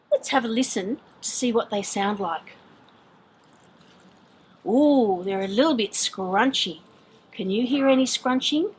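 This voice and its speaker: A woman presenting to young children outdoors in a garden, with a bright, sing-song children's-host delivery, speaking to them directly. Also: medium pitch, rough recording. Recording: clear outdoor background noise.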